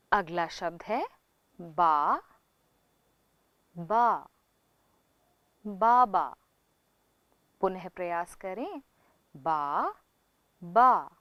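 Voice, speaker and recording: Female teacher, very slow and deliberate, sounds out syllables then repeats the whole word, dry recording. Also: medium pitch, dry recording. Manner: repeats words for pupils to copy. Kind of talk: slow Hindi reading lesson for children.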